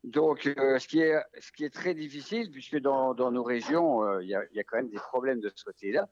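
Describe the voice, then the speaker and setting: A man from the Vosges with a Vosges French accent, a rural family doctor talking casually in an interview, relaxed and hesitant with many fillers and restarts. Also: medium pitch, fairly quick, lo-fi sound. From Vosges, France.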